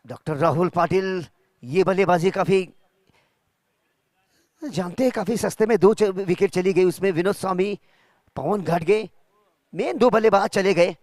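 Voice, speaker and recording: A man's voice: high-pitched, moderate pace, pauses often, darkish tone, dry recording, studio quality. A man giving live commentary on a cricket match between plays.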